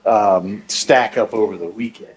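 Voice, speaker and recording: A man chatting casually as he guides a walking tour, explaining things in a halting, informal way. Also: fairly low pitch, rough recording. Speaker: company employee giving a warehouse tour. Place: large indoor warehouse, walking around. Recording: clear warehouse background noise.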